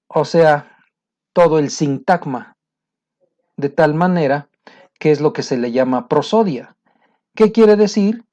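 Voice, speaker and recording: A man's voice: fairly high pitch, a little mellow. A man gives a casual spoken lesson as an English teacher, hesitating often with fillers and restarts. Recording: dull lo-fi sound.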